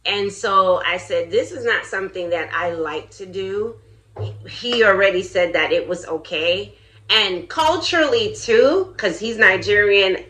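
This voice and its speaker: A woman's voice: on the low side, sharp tone. A middle-aged woman from Jamaica hosting a casual cooking vlog, chatty and candid, laughing often as she talks. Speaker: vlogger, channel host.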